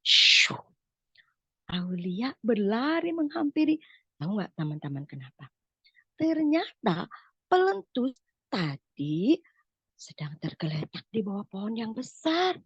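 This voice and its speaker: Woman storyteller, animated, breathy, children's story, muffled webinar audio. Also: mid-range voice, unhurried, no echo. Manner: animated, addresses the children directly.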